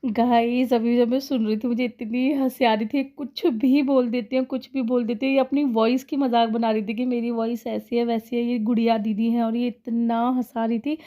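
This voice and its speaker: A woman's voice: fairly high pitch, dark tone. A woman in her thirties narrating a casual family vlog voice-over, chatty and often laughing as she talks to her viewers. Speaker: vlogger.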